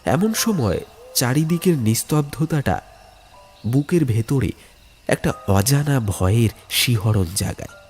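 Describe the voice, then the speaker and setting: Over a music bed, a man delivers a scripted first-person ghost story in a dramatic, suspenseful manner. His voice is medium in pitch and darkish in tone, animated and a little slow.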